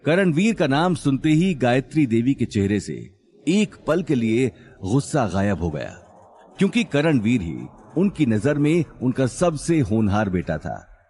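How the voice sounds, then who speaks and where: A man narrating a dramatic family story in an expressive audiobook style. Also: mid-range voice, measured pace.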